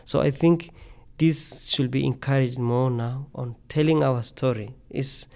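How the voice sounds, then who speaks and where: A man's voice: mid-range voice, steady tone, measured pace, creaky, a little mellow. A middle-aged man from Tanzania, a scientist guest speaking earnestly in a podcast interview, often repeating words as he thinks.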